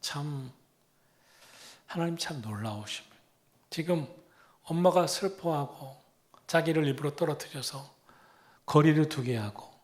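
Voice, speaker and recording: Korean pastor preaching, sliding into whispers. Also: male voice, fairly high pitch. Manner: dramatic storytelling, often dropping to a breathy whisper. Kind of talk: sermon.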